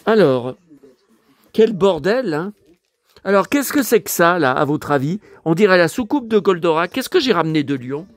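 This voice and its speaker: Hoarse man chatting casually to viewers. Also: high voice, big pitch swings, moderate pace, no echo. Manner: exclamatory, muttering to himself while browsing. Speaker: vlogger showing his purchases. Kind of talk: casual vlog chat to viewers.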